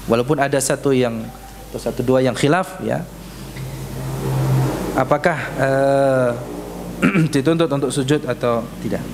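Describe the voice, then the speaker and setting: A man teaching Quran recitation, drilling syllables slowly and correcting his students. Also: mid-range voice, background noise. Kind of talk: tajwid lesson in a mosque. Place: mosque prayer room.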